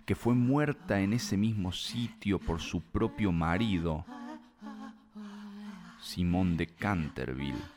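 A man voicing an old, mysterious housekeeper in a slow, hushed, mysterious manner, over background music. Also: low-pitched, animated, crowd noise. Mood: ominous. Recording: music playing underneath.

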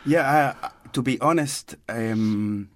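A Chilean man whose first language is Spanish speaks slowly in English at a medium pitch. As a guest in a casual conversational interview, he comes across as thoughtful, searching for words in his second language.

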